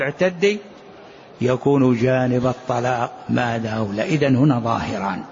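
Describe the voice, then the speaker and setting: A man's voice: on the high side, darkish tone, slight background noise. A man teaching a religious law lesson, explaining a text, addressing his listeners and asking questions that he answers himself. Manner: poses rhetorical questions and answers them. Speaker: Islamic jurisprudence teacher. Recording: dull lo-fi lesson recording.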